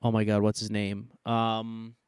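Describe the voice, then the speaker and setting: A podcast co-host, nasal with a cold, speaks in a low, monotone voice with a clean tone at a measured pace. During the live show's casual debate chat, he rambles, filling his speech with fillers and restarts.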